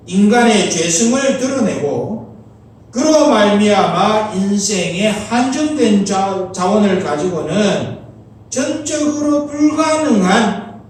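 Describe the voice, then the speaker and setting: A middle-aged man preaching a Sunday sermon as pastor, earnest, asking rhetorical questions. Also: high-pitched. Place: church sanctuary. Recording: very echoey church hall, mic at a distance.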